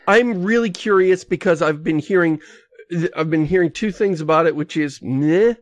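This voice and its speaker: An animated man rants and laughs his way through a casual gaming podcast. His voice sits a bit high. The sound is dry and close with no room. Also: moderate pace, no room sound. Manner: animated, ranting, laughs often. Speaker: podcast host.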